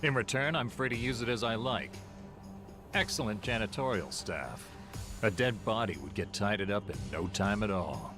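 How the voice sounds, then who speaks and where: An actor voicing a stern, proud middle-aged yakuza captain in a video game, in a measured, commanding, gravelly action-hero snake voice. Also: male voice, lowish voice, close to an everyday voice. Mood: coolly confident. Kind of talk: dramatic video game voice acting. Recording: game audio with music underneath.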